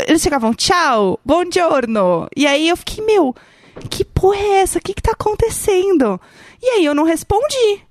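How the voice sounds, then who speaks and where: A woman's voice: sits high, dry recording, studio quality. A Brazilian woman co-hosting a podcast, telling a story in a chatty, casual way, full of fillers and the odd swear word. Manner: chatty, lots of fillers, swears when annoyed. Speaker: podcast co-host.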